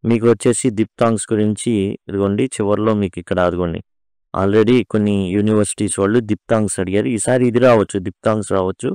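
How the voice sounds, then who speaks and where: A man's voice: fairly low pitch, steady tone, fast, a little mellow, smooth, no room sound. A man teaching English phonetic transcription to students, patiently repeating each word as he writes it out.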